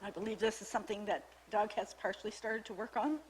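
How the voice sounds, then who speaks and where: A woman from the town's staff talks fast in a medium-pitched voice with fairly even intonation, methodically and formally briefing a council meeting in the council chamber on new legislation. She reads out clauses with small restarts while losing her voice and coughing often. The recording is low-quality with slight background noise.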